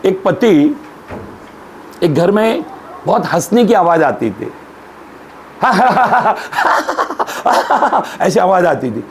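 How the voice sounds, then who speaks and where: A man's voice: sits high, sing-song, a little slow, pauses often, a little mellow, slight background noise. A male pastor preaching a sermon, telling jokes and putting questions to the congregation. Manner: humorous storyteller, asks the congregation questions.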